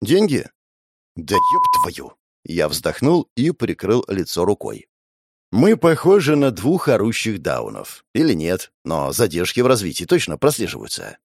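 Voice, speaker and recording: A man's voice: low-pitched, wildly swooping pitch, normal speed, creaky, darkish tone, dry recording, studio quality. A man narrating a first-person fantasy audiobook in a sardonic, crude, wry way.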